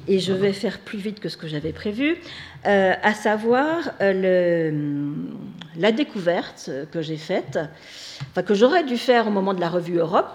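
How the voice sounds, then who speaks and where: A woman's voice: medium pitch, a little mellow. A woman giving an academic talk, hesitant, with many fillers and restarts. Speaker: lecturer. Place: lecture hall.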